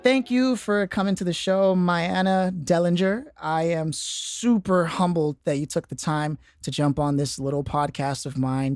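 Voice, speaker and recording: A man's voice: a little high, no room sound. Earnest male podcast host, dry close sound. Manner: earnest, repeats and restarts words. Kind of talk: podcast intro and interview.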